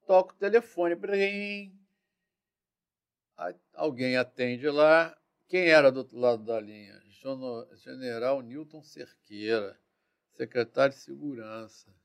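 A man, a former police chief telling war stories in a slangy, profane, animated way. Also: medium pitch, takes it slowly, creaky, clean tone. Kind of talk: casual storytelling interview.

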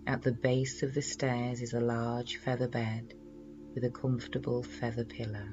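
A man leading a guided relaxation in a slow, soothing hypnotist's manner, measured and full of pauses. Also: medium pitch, level tone, highs cut off, music in the background.

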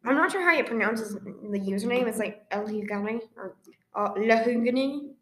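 A woman's voice: on the high side, moderate pace, a bit bright. A woman co-hosting a casual chat podcast, rambling and trailing off into restarts. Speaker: podcast co-host. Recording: roomy echo.

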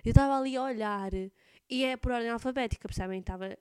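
A woman's voice: a little high, fast talker, smooth. Chatty young Portuguese woman, slightly congested. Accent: European Portuguese. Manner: rambling, chatty, full of fillers. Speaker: student vlogger. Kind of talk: casual chat to camera.

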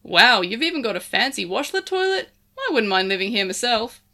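A woman voicing a deep-voiced man in his thirties or forties who is polite, chatty and nosy. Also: very animated, a little fast, pushed and bright, full character voice.

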